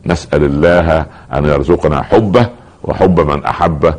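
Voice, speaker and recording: A man's voice: very deep voice, moderate pace, darkish tone. A man with an Egyptian Arabic accent preaching a sermon. He asks his listeners rhetorical questions and rises into emphatic bursts.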